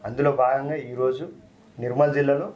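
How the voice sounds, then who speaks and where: A man with a Telangana Telugu accent hosting a folk talent channel, interviewing a singer in a friendly, quick manner. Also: medium pitch, level tone, a little mellow, dull audio, a little hiss or hum. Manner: fast, friendly, keeps saying "anna". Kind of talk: casual interview.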